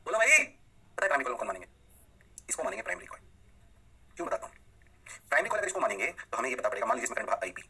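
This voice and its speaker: A male physics teacher speeding through a recorded lecture at a very fast clip. His voice is bright and sharp with a husky edge and sits a bit high. He keeps throwing questions at his students as he works through the material. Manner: rapid, animated, fires questions at students.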